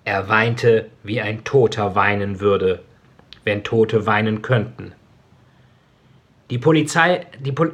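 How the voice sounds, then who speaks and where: A man, the author, reading a passage of his own novel aloud in a slow, measured way and then talking casually about the book. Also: mid-range voice, a bit bright.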